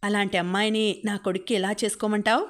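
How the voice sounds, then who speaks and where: Lady reading snobby older dad, scornful, flat-ish voice. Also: mid-range voice, quick pace, lightly acted. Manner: scornful, dismissive. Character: proud older man, scornful father.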